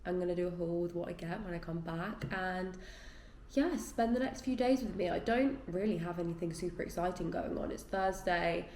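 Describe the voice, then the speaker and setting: At home in her flat, a woman vlogger with a lowish, darkish voice chats casually to camera at a moderate pace, rambling and a bit tired and stuffy, with lots of "like" and "yeah". The recording is reverberant with a little hiss or hum.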